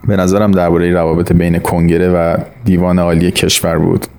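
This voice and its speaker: Man, audiobook narrator, very deep voice, gravelly, measured flat delivery. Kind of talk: audiobook narration of a short story.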